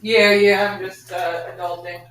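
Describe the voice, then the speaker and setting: A woman chatting casually on her live stream, talking in a relaxed, rambling way. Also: medium pitch, normal speed. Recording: noisy call audio.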